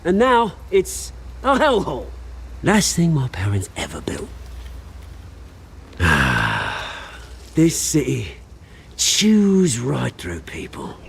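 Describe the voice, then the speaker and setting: An actor playing a cocky, volatile British rogue, a fallen heir turned revolutionary, taunting and theatrical in a video game. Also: male voice, mid-range voice, huge pitch swings, drawn-out words, vocal fry, pauses often, a bit bright, a little hiss or hum, exaggerated voice. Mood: bitter, wistful.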